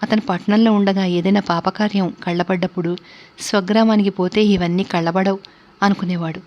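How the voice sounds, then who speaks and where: A woman narrating a novel aloud in a steady, measured reading. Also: medium pitch. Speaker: audiobook narrator. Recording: dull lo-fi recording.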